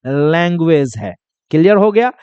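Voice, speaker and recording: A high-pitched man from India runs a simple lesson for children, asking a question and answering it himself again and again. His voice is smooth and crisp. The sound is dry, with no room echo. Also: sing-song, unhurried, muffled recording. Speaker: English teacher.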